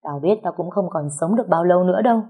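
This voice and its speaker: A woman voicing a cruel older woman villain in an audio story, shrieking taunts in a shrill voice. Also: animated, measured pace, narrow, tinny audio. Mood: taunting.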